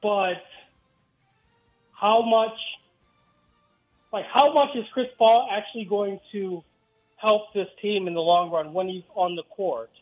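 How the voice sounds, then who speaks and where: A man's voice: high voice, slow pace, pauses often, faint music behind. A man calling into a sports radio show, his voice coming through a tinny phone line that sounds like it is inside a tin can. He lays out his argument point by point. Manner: analytical, builds a case point by point. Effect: tinny phone line, like talking inside a tin can. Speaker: caller. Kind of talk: sports call-in analysis.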